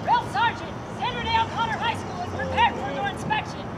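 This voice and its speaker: A woman's voice: extremely high pitch, very animated, fairly quick. A teenage girl cadet calling out military drill commands and formal reports outdoors. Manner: formal, shouted call-out delivery. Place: open outdoor parking lot. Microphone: far camera microphone. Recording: distant outdoor mic, loud crowd noise.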